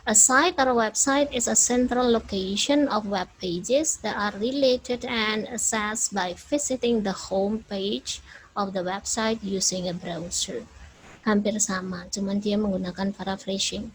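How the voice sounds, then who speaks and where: A woman's voice: mid-range voice, unhurried, slight background noise, poor audio. A woman English teacher with an Indonesian accent, lecturing in a chatty way and ending many phrases with small tag words. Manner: chatty, repeats "ya" and "gitu kan" as tags.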